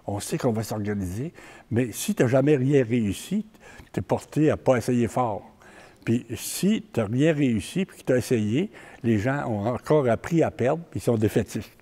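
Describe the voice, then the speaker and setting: Older Québécois man, halting plain talk. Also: mid-range voice, dark tone. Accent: Québécois French. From Quebec. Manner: halting, repeats words, plain-spoken. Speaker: community organizer giving a talk. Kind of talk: public talk with personal stories.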